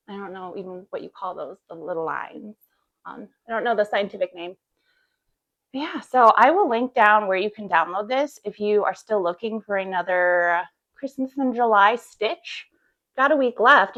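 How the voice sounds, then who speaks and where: A woman's voice: medium pitch, muffled recording. A woman in her thirties chatting casually to camera about her cross stitch, bubbly and full of fillers.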